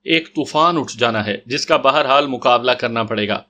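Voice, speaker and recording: A man's voice: mid-range voice, bright, forceful tone, lightly acted. A man voicing a blunt young woman investigator. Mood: matter-of-fact. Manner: blunt and direct.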